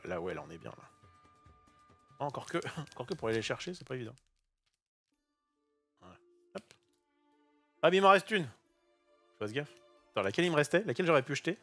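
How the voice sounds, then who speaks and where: Lively, chatty man opening card packs. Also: lowish voice. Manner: chatty and excitable, with casual slang and swearing; self-interrupting, thinking aloud. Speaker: host opening trading card boosters. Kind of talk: casual unboxing commentary. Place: home kitchen.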